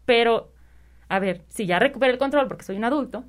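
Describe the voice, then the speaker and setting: A woman with a fairly high voice talks briskly about parenting in a casual conversation. She rambles a bit and keeps checking in with tag questions.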